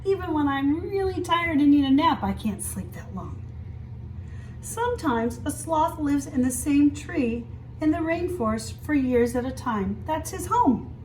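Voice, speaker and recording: A female story time teacher with a higher-pitched voice reads a picture book aloud expressively, explaining things and asking young children simple questions along the way. The sound is echoey and roomy, as if from a distant mic, with a faint hiss.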